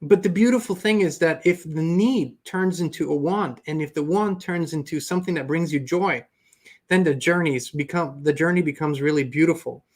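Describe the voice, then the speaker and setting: A man's voice: fairly high pitch, normal speed, darkish tone. Earnest man giving a spiritual talk. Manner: earnest, reflective. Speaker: host.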